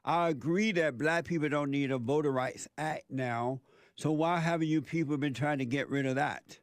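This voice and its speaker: A man's voice: fairly high pitch, moderate pace, no room sound, studio quality. A man hosting call-in talk radio, debating bluntly and repeating his questions.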